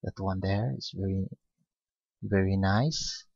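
A man giving a step-by-step painting lesson, speaking unhurriedly with many pauses and fillers. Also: deep voice, vocal fry, darkish tone, no room sound. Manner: unhurried, hesitant with frequent fillers. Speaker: painting instructor. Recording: dull lo-fi recording.

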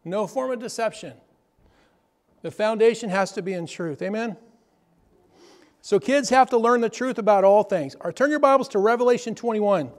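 High-pitched pastor preaching, keeps asking the crowd amen and right, big echoey church hall. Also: male voice, moderate pace. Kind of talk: sermon. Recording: long hall reverb.

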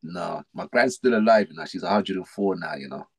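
At a moderate pace, his low, husky voice carries vocal fry as this middle-aged South Londoner tells his life story as a podcast guest. He speaks with a South London accent, casually and with slang, animated and repeating himself.

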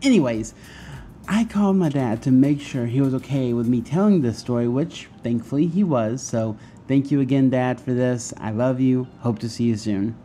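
A man's voice: medium pitch, normal speed, warm tone, faint music behind. A young man in a costume head, telling a story in a chatty, upbeat way, his voice muffled through the mask. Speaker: furry vlogger. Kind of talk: casual storytelling vlog.

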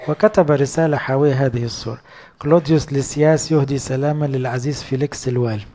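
A priest with an Egyptian Arabic accent preaches a sermon, retelling scripture in everyday speech. His voice sits fairly high for a man. He keeps turning to his listeners with questions. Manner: explains scripture in lively colloquial storytelling, asking the audience questions.

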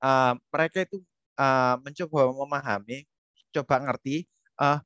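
A man's voice: medium pitch, fairly even intonation, normal speed, a bit bright, smooth, dry recording, lo-fi sound. A man with a mid-range voice speaks on an academic panel. He stresses his points and asks rhetorical questions. The recording is dry with no room sound. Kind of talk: casual academic discussion.

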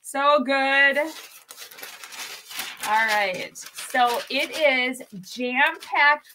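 A woman's voice: fairly high pitch, sharp tone, slight background noise, rough recording. A woman hosting a casual craft livestream, bubbly and chatty, greeting viewers by name with lots of ums. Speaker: craft shop livestream host. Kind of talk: casual live-stream chat.

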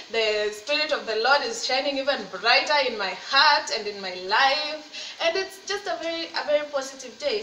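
A woman's voice: sits high, pushed and bright, slight background noise. A woman in her thirties chatting casually and cheerfully while she cooks at home, encouraging her viewers as she goes. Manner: chatty, upbeat and encouraging, with faith talk. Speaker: cooking vlogger, mother. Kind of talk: casual cook-along chat. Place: home kitchen, indoors. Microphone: laptop or phone camera at desk distance. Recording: roomy, slightly distant camera mic with faint ambience.

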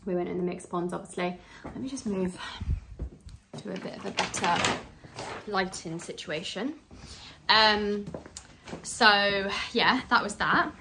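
A woman's voice: medium pitch, measured pace, vocal fry, long pauses, noisy background. A young woman from England, chatting casually to her phone camera in a rambling vlog full of fillers. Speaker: vlogger. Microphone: handheld phone.

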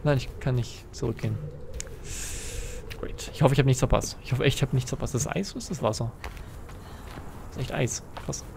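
A young man giving casual, excitable gameplay commentary, thinking aloud and swearing often. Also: mid-range voice, a little fast, vocal fry, pauses often, noisy background. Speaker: let's player.

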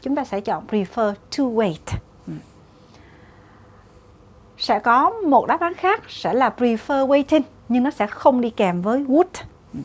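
Vietnamese lady teacher, kinda high voice, walks through exam answers step by step. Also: sing-song, takes it slowly, pauses often. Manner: methodical, mixes English terms into Vietnamese explanations. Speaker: English exam prep teacher.

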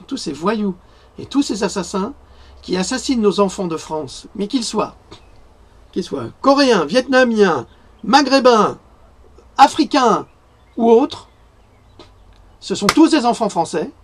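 A man's voice: on the high side, vocal fry, husky. A man hosting his own online broadcast, delivering an indignant, rambling political monologue to his viewers and tagging many phrases with "hein". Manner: ranting, emphatic, rambling, frequent "hein".

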